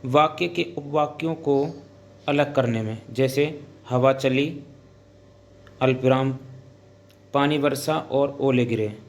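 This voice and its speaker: Slow, deliberate male grammar teacher. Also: medium pitch. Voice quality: deliberate, pausing between listed items. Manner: dictating examples slowly, then explaining them. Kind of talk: slow explanatory classroom lecture.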